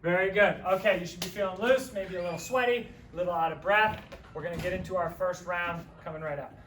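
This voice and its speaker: A man with a fairly high voice coaches a workout, joking and counting reps as he moves, a little out of breath. He sounds set back from the mic in an echoey, empty room with a faint hum of ambience. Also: quick pace, a bit bright, recorded from a distance, soft background music. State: a little out of breath while exercising. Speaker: fitness instructor. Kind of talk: guided workout instruction.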